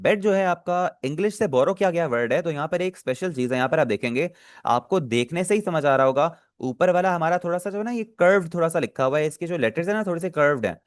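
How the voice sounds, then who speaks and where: A man's voice: on the high side, dry recording, studio quality. A man teaching an online language lesson, patiently explaining vocabulary, posing questions to his students and answering them himself, often repeating himself to check they follow. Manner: patient, repeats and checks understanding with filler phrases; asks the class questions then answers them.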